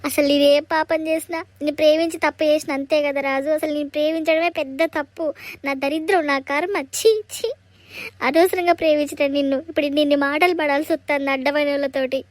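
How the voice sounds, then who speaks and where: A woman's voice: high voice, level tone, quick pace, no room sound, close to an everyday voice. A woman voicing an aggrieved young village woman with a Telangana accent, complaining plaintively. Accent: Telangana Telugu.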